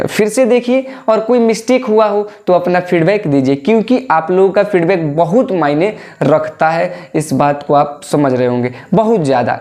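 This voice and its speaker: A darkish, medium-pitched voice belongs to an English teacher teaching online who addresses viewers as "babu." The lesson runs on repeated questions with their answers, reiterated key points, and pronunciation drilled aloud.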